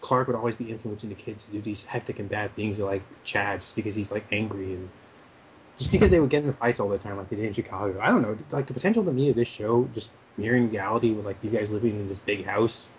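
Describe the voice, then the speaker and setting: A young man co-hosting a podcast in casual chat, talking quickly with halting restarts and fillers. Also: fairly low pitch. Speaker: podcast co-host. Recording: dull lo-fi podcast audio with faint noise.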